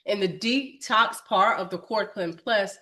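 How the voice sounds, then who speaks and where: A woman's voice: mid-range voice, measured pace, sharp tone. A woman co-presenting a product, explaining its ingredients plainly with a few hesitant restarts.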